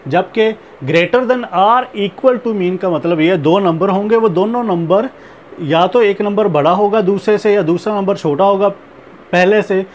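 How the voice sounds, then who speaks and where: A man with a high-pitched voice gives a recorded math lecture, walking through each step slowly and deliberately. He mixes in English math terms and leans on the same filler phrases again and again. A little hiss or hum sits under the audio.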